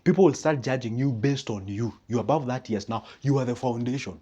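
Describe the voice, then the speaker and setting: A man's voice: medium pitch, brisk. A man with a Kenyan accent giving a motivational talk, asking the audience questions and acting out what friends would say. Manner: animated, rhetorical questions, acts out friends' replies. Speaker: motivational speaker. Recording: dull lo-fi recording.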